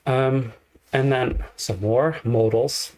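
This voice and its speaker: A man teaching an English grammar lesson, explaining slowly and repeating each example. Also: medium pitch, steady tone, darkish tone.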